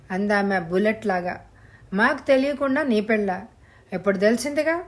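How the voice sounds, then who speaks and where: Woman narrating a suspense audiobook. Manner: reads all characters in her own voice, raising pitch for shouted lines. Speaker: storyteller.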